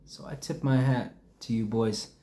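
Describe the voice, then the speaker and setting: A man delivering a wrestling promo as a wrestler, with menacing, deliberate trash talk. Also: mid-range voice, fairly even intonation, noisy background.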